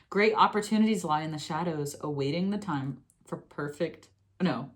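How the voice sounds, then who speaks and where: A young woman giving a casual tarot reading, excitable and gushing, often breaking into laughter. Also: low voice. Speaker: tarot reader.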